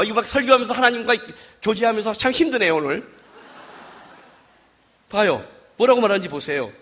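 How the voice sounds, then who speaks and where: A male pastor delivering a sermon at a worship service, his voice unusually high and bright. He swings his pitch all over as he jokes, acts out little dialogues and presses the congregation with rhetorical questions.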